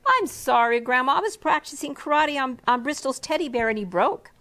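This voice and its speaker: An excitable young boy from a picture book, read aloud by a woman. His lines tumble out eagerly and the pitch bounces around. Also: brisk, exaggerated voice.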